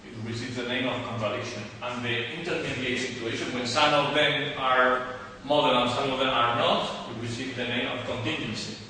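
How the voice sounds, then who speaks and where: A male university lecturer teaches a class, halting and repeating himself as he quizzes his students. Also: medium pitch, fairly even intonation, pushed and bright. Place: large lecture hall. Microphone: distant room mic. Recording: echoey hall from far off, noisy.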